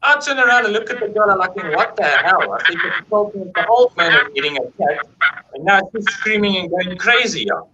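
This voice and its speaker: Bright-voiced man telling a ghost story. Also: sits high, fairly quick, lo-fi sound. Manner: animated, acts out quoted dialogue, swears freely. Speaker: paranormal investigator telling a story. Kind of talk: casual storytelling.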